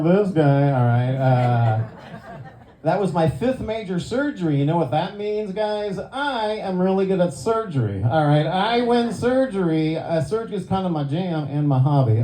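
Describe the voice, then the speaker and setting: Older man doing stand-up, mellow voice. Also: on the high side. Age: 60s. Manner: self-deprecating punchlines, lively put-on voices for friends. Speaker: stand-up comedian. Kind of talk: stand-up set. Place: club stage before a live audience. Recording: echoey room, faint crowd ambience.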